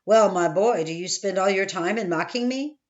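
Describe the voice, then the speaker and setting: A woman's voice: medium pitch, moderate pace, lo-fi sound, pitched above the performer's own voice, natural voice. A woman reading an audiobook, voicing a haughty, stern male village priest who presses with questions. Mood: haughty, pressing.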